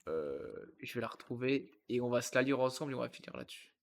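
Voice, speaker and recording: A man's voice: medium pitch, big pitch swings, fast. A man from the Yonne region of France, older than twenty-five, hosting a casual football livestream. He makes jokey asides and breaks off his own sentences as he reads aloud. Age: over 25. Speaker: football streamer.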